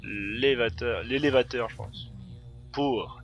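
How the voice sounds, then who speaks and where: A man's voice: mid-range voice, slow pace, lo-fi sound, faint music behind. A man giving casual let's play commentary, chatty and thinking aloud, laughing often. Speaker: gameplay commentator.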